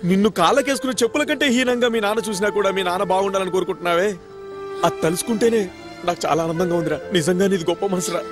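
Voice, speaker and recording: A man's voice: high-pitched, rapid-fire. A man playing a fussy, emotional uncle in dubbed film dialogue. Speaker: uncle of the young couple. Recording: dubbed film audio with music behind.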